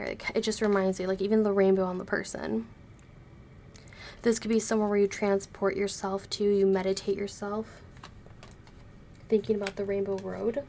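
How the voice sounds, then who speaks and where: A woman reading tarot cards for her viewers in a casual, unhurried way, her voice a little hoarse from being sick, speaking slowly and gently to spare it. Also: mid-range voice, slight background noise. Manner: slow, gentle, careful with her voice. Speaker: tarot reader.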